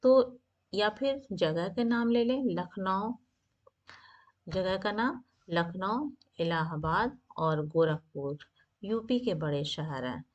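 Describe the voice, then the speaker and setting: A woman's voice: lowish voice, muffled recording. A middle-aged woman teaching a grammar lesson, patiently repeating and rephrasing each point for her students.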